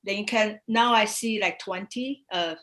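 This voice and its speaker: A woman's voice: mid-range voice, normal speed, a bit bright. A woman on a video call, giving casual spoken technical instructions as a class participant.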